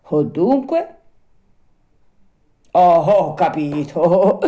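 A woman reads a classic storybook aloud in an unhurried, expressive way. Her voice sits low and mellow, swinging widely in pitch as she tells it. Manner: expressive, lively reading. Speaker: narrator. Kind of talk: storybook narration.

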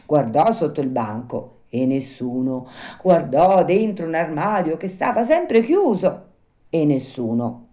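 A woman narrating a storybook tale aloud with an expressive reading voice. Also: low voice, slow pace.

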